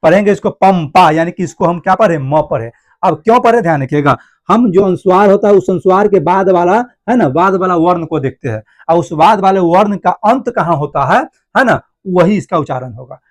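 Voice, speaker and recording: A man's voice: sits high, expressive, brisk, no room sound. A male teacher, giving a grammar lesson who keeps asking the students questions and answering them himself, and speaks to them affectionately.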